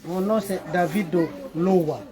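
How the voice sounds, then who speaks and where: A man's voice: sits high, unhurried, over music. Earnest man from Belgium testifying. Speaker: visiting congregant. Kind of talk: spoken testimony. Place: church gathering.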